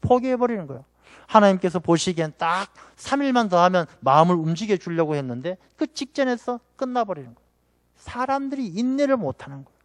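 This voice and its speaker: A man's voice: sits high, animated, a little fast, no room sound. A man pastor preaching a Sunday sermon in a conversational way, acting out short quotes of everyday people along the way.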